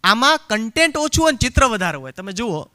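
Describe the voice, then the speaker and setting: Lively, high-voiced male seminar speaker. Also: fast talker. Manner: animated storyteller who acts out quotes and chants rhymes; mixes English phrases into his talk. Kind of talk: live parenting seminar talk.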